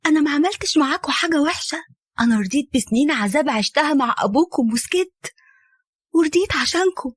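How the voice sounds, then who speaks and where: A woman's voice: sits high, expressive, fast, no echo. Woman voicing a heartbroken young woman, Egyptian accent, reproachful, dry close sound. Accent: Egyptian Arabic. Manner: pleading, reproachful.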